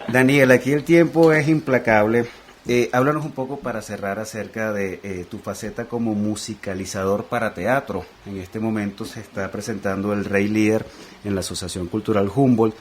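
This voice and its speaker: A man co-hosting a radio arts show, briskly announcing credits and steering the interview. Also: fairly low pitch, fairly even intonation. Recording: faint noise, radio studio.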